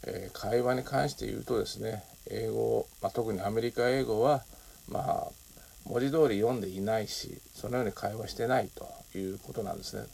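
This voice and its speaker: An older man from Japan hosting a casual solo talk show, speaking with many fillers and a habit of tagging sentences with a soft particle. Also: fairly low pitch, moderate pace, gravelly, slightly rough. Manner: frequent fillers and tag particle ne. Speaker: podcast host.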